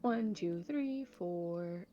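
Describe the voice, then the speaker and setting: A woman's voice: lowish voice, expressive, very slow, highs cut off, faint music behind. A woman playing in a live tabletop game, thinking aloud with fillers and frequent giggles. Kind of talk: casual live game chat.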